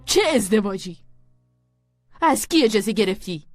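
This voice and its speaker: A woman's voice: medium pitch, animated, no room sound, studio quality, faint music behind, close to an everyday voice. An actress playing an angry, protective middle-aged mother who scolds her daughter in a dubbed TV drama. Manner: scolding and urgent.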